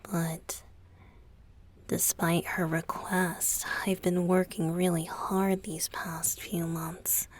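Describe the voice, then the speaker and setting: In an intimate ASMR roleplay, a woman plays a young male pop idol boyfriend who is tender and playful, using a lowish voice. She is soft and breathy, frequently whispering, and her delivery is slow, hesitant, coy and affectionate.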